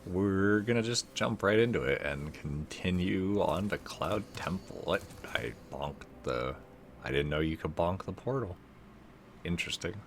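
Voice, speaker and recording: Very deep, gravelly-voiced male gamer. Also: a bit bright, slight background noise. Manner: rambling, laid-back. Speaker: let's play host. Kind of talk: casual gameplay commentary.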